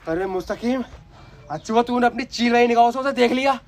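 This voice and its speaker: High-voiced scheming man in comedy sketch. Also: flat delivery, very fast, over music. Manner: scheming, bossy.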